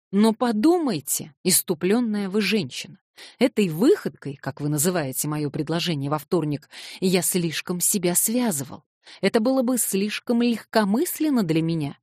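A cold, haughty older prince lectures with smooth condescension, as a woman narrator puts him on. His voice is pitched low for her and recorded close and dry, in the manner of a storybook reading. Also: lively intonation, normal speed, darkish tone, no echo. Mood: condescending. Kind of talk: audiobook reading.

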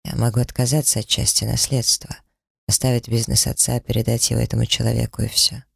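A man voicing a brooding, bitter young heir in an audiobook, speaking gravely. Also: medium pitch, little pitch movement, fast, no room sound, clean studio sound. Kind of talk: audiobook character reading.

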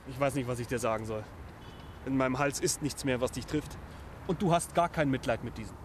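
A man's voice: mid-range voice, fairly quick, a little hiss or hum, close to an everyday voice. A man playing a pleading revolutionary comrade. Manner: pleading, agitated. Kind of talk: stage play performance.

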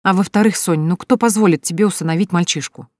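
A woman voicing a sharp-tongued, practical young woman who teases and lectures her friend. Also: lowish voice, fast talker, no room sound, studio quality, natural voice. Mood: lecturing. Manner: teasing, coolly lecturing.

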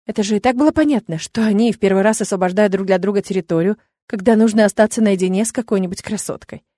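A woman's voice: mid-range voice, quick pace, dark tone, dry recording, studio quality, close to an everyday voice. A woman voicing an easygoing, chatty young male student who sounds puzzled and a little sleepy.

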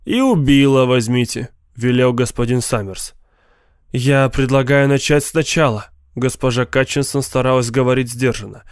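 Male audiobook narrator, mid pitch, dry close recording. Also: steady tone, moderate pace, smooth, no echo. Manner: voices characters with raised pitch. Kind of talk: storytelling audiobook reading.

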